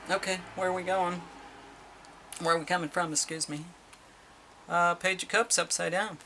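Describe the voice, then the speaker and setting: A woman's voice: on the low side, fairly even intonation, normal speed, bright, forceful tone, slight background noise. A middle-aged woman doing a casual tarot reading, chatty and exclamatory as she reads card meanings aloud. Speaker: tarot reader.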